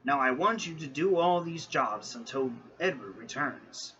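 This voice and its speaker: A man's voice: medium pitch, expressive, unhurried, pushed and bright, highs cut off, a little hiss or hum. A man voicing a curt, commanding male yard manager.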